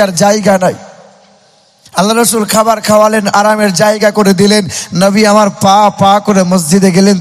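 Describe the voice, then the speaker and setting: A man preaching a sermon, telling a story in a sing-song cadence and calling out to his listeners. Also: high voice. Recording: long hall reverb.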